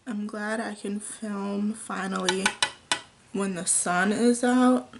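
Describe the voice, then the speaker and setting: Slow-talking woman in a chatty makeup tutorial. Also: medium pitch, steady tone, a little hiss or hum. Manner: chatty and unhurried, with frequent ums. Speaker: beauty vlogger. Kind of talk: casual makeup tutorial chat. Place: at home.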